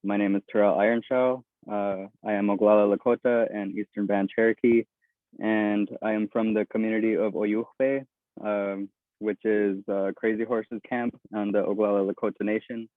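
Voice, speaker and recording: A man introduces himself in a measured, ceremonial way. His low voice barely rises or falls. The call audio is tinny and phone-like. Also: level tone, dry recording. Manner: measured and ceremonial, opens with a traditional greeting. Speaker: youth council co-founder. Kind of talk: formal self-introduction.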